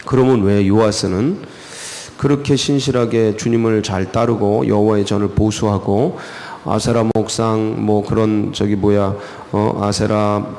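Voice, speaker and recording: Gravelly animated Korean pastor. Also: male voice, on the low side, big-room sound, slight background noise. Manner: animated, rhetorical questions, colloquial. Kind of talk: early-morning sermon. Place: church sanctuary.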